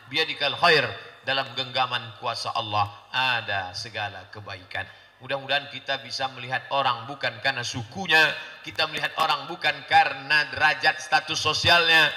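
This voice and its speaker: A man's voice: mid-range voice, big-room sound, poor audio. A man preaching a humorous sermon to a congregation, acting out quoted voices. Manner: acts out quoted voices, animated and joking.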